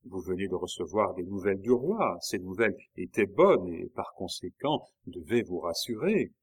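A man's voice: sits low, lively intonation, normal speed, no echo. A man voicing a proud young nobleman who presses his point earnestly. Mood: insistent. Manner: earnest, pressing, stammering when thrown.

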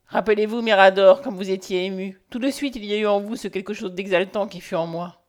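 A woman's voice: mid-range voice, fairly even intonation, brisk, a little mellow, close to an everyday voice. Woman doing domineering male lover, impassioned, commanding, storybook reading. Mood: urgent. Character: ardent, domineering man declaring his love.

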